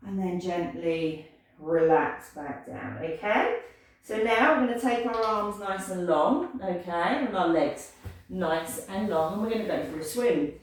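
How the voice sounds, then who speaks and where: A woman leading a pilates class, giving calm, encouraging cues and counting down holds. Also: on the low side, a little slow. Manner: encouraging, gentle cueing, counts down aloud. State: slightly out of breath at times. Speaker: pilates instructor. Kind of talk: guided exercise class instruction. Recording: echoey room, voice from a distance.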